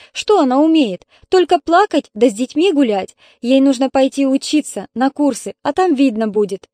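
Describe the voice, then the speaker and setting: A woman's voice: sits high, warm tone, dry recording, studio quality, pitched above the performer's own voice, natural voice. Woman reading a reproachful retired mother. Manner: scolding, indignant. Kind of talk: audiobook character reading.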